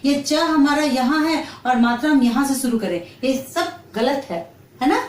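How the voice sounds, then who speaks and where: A woman teacher explaining a children's lesson slowly, drawing out each syllable. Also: sits high, expressive, roomy sound, recorded from a distance, slight background noise. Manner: slow, drawn-out syllable-by-syllable explanation.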